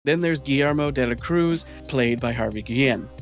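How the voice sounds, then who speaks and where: A man delivers scripted review narration as a video host. His pitch sits in the middle of the male range, and soft music plays behind him. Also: normal speed.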